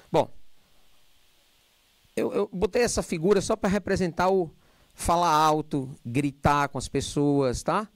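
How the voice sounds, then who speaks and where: A middle-aged man giving a spiritist lecture to a live audience, talking loudly and animatedly with joking asides, into a handheld microphone. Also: fairly high pitch, no echo.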